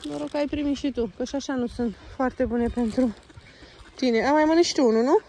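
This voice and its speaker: A woman's voice: sits high, mellow. A woman from Romania, vlogging with a handheld phone in a town park, talking to her toddler in a coaxing sing-song way and slipping into English words. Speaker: vlogger and mother. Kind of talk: casual vlog chat with her toddler.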